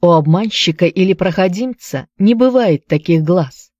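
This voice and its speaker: Woman narrating an audiobook in a low voice. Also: lively intonation, normal speed, a little mellow, no room sound, highs cut off.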